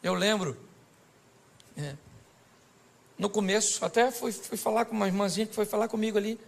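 Speaking at normal speed in a high-pitched, creaky voice, a man delivers a funny sermon to his church congregation. This pastor is outgoing and jokey, acting out different voices as he preaches.

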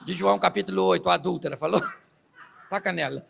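A pastor tells Bible stories as comedy, chuckling along and playing out each scene. His voice sits high for a man and has a gravelly, fried texture. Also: a little fast, a bit bright, a little hiss or hum. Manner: jokey, laughs at his own jokes, acts out scenes. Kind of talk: comic storytelling sermon.

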